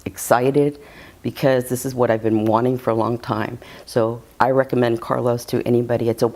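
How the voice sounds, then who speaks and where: A woman's voice: a bass voice, creaky, darkish tone. Woman client describing her session to an interviewer: chatty, loose, laughing as she talks. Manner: rambling, chatty, giggly, with many restarts. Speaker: reiki client giving a testimonial. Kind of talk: casual interview testimonial.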